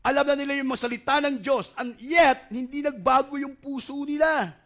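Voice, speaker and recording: High-voiced male pastor preaching. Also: fairly even intonation, normal speed, fairly bright tone. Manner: switches between Tagalog and English, quizzing the congregation. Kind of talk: sermon.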